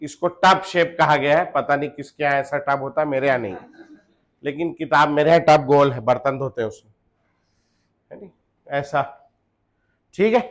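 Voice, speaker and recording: A man's voice: on the high side, normal speed, long pauses, a bit bright. A man teaching chemistry to a class. He keeps asking the students questions and answers them himself, jokes with them and slips in English phrases. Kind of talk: classroom lecture.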